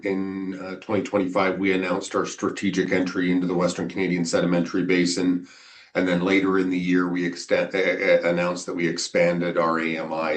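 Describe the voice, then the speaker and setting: Low, even-toned executive on a conference call. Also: male voice. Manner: businesslike, steady, with a few fillers. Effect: conference call audio. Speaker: company executive. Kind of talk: earnings call presentation. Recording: roomy conference call audio.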